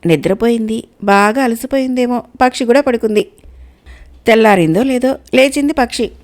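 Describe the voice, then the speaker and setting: A woman's voice: on the high side, normal speed. Woman narrating a fable. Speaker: storyteller. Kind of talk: scripted storybook narration.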